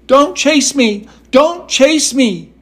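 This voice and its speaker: A man voicing a timid, fragile young china princess who speaks delicately and slowly. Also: very high voice, pitched above the performer's own voice. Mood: frightened. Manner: frightened, pleading, slow and delicate.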